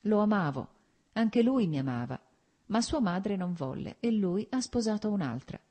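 A woman narrator gives voice to a calm, gentle young woman with a mild, tired kindness. She speaks plainly and evenly, a little higher than the narration, with a husky, mellow tone. Read as an audiobook. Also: moderate pace.

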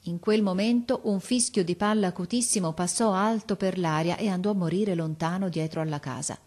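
Low-voiced woman reading a story. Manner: measured, expressive reading. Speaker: narrator. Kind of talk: storybook narration.

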